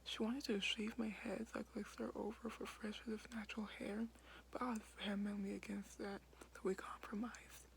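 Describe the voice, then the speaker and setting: A young woman vlogging in a hushed whisper late at night in a basement, filling her talk with "like" and "um". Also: medium pitch, level tone, moderate pace, creaky, background noise. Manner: whispering quietly, many fillers like "like". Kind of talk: casual whispered vlog.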